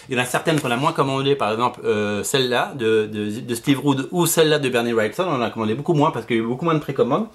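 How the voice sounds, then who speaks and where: A man with a lisp and slushy s sounds, giving casual promotional chat to viewers as a shop seller, hesitant and repeating his phrases. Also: medium pitch. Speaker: comic shop seller presenting his show.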